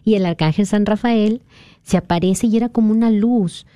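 A woman's voice: medium pitch, moderate pace, dark tone, no room sound, clean studio sound. A woman from Peru earnestly retelling a dream as a guest in a conversation. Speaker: guest sharing a testimony. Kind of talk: conversational storytelling.

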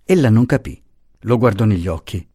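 A man narrating a classic novel in an expressive, measured way for an audiobook. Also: lowish voice, dry recording, clean studio sound.

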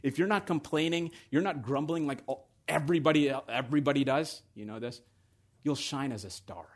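A man preaching a sermon in a conversational way that builds to excited emphasis. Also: on the high side, fairly quick.

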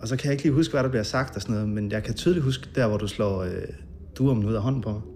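A man's voice: on the low side, a little mellow, slight background noise. A man recounting a past night in a documentary interview, hesitant and full of fillers.

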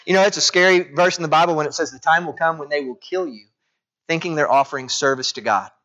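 The sharp, somewhat high voice of a native English-speaking pastor moves at a quick pace through his sermon. He tells personal stories and keeps asking the congregation rhetorical questions, storytelling conversationally, on a dull lo-fi recording.

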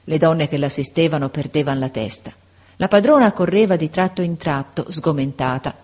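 A woman narrating a classic story aloud in an expressive, measured reading. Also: sits low.

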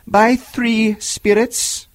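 A man voicing the mournful, stern ghost of a dead miser, declaiming slowly with anguish. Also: sits high, level tone, no room sound, voice pushed up. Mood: solemn.

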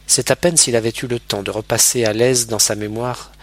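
A man narrating a classic novel as an audiobook in a measured, even reading. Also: medium pitch.

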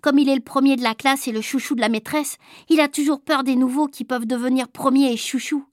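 High-voiced woman reading a children's story. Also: brisk, no echo, studio quality. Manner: lively, childlike first-person telling. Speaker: audiobook reader. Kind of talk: storybook narration.

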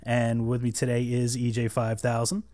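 A man hosting a casual podcast talks in a mid-range, monotone, dark-toned voice at a moderate pace. He rambles with many fillers and restarts, sounds a little nervous, and is recorded on a cheap microphone.

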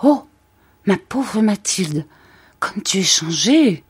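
A woman's voice: deep voice, a little slow, mellow. A woman reading aloud voices an elegant, well-off lady who sounds startled and full of pity. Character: elegant well-off woman, ever young, shocked.

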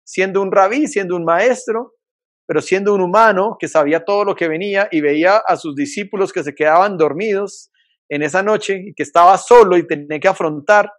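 High-voiced pastor preaching online. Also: male voice, brisk. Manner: conversational, asks rhetorical questions often. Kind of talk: online sermon.

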